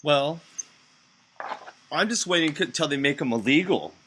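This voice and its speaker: A man's voice: fairly high pitch, animated, normal speed, sharp tone, slight background noise, rough recording. A man hosting a casual live stream chat, making wry, skeptical asides. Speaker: show host.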